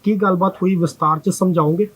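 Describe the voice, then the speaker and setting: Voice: mid-range voice, fairly even intonation, fairly quick, slightly rough, dry recording. An interviewer asking polite questions and murmuring brief prompts.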